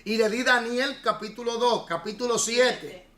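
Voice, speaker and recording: In an echoey church room, a male pastor teaches a Bible class at a moderate pace, his voice high for a man and bright and sharp. He gives long explanations and pauses to quiz his students.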